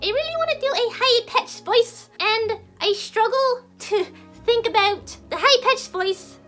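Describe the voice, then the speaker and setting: A woman trying out a high squeaky fairy voice with an attempted Scottish accent. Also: measured pace, fairly bright tone, faint music behind. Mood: struggling.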